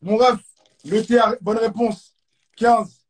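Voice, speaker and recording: This live stream quiz host talks slowly, his high voice carrying a breathy edge and a French accent. He's excited all the same, repeating catchphrases and dropping English exclamations, all captured by a phone or webcam.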